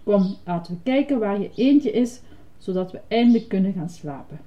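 A woman's voice: animated, moderate pace, dark tone, lightly acted. A woman voicing a patient, weary grown-up male puppet who sighs and sounds exasperated, reading a storybook aloud. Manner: low, sighing and exasperated. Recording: dull lo-fi recording.

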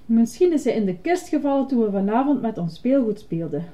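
A woman voicing an excitable, fussy, childlike male puppet in a high, dramatic, insistent voice while reading a storybook aloud. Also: a little fast. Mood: eager. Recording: dull lo-fi recording.

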